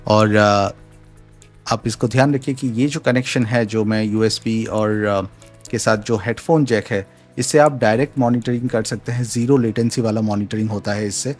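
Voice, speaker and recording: A man's voice: fairly low pitch, fairly even intonation, moderate pace, soft background music. A man giving a casual product demo at home, explaining settings step by step and mixing in English phrases. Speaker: tech reviewer. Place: home room with a fan running. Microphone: studio USB mic at varying distance.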